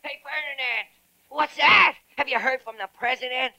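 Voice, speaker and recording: An actor playing an anxious, stammering little mouse in a 1940s radio play. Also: male voice, very high voice, moderate pace, creaky, pushed and bright, no echo, full character voice, low-quality recording. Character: fretful little male mouse.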